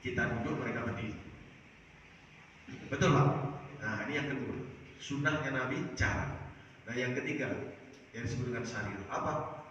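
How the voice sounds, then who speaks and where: A man from Jakarta giving a dawn sermon in a small prayer house, asking the congregation questions and answering them himself, rising loud on key words and dropping low at line ends. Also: normal speed, long pauses. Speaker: preacher. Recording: echoey, distant, dull sound with faint noise.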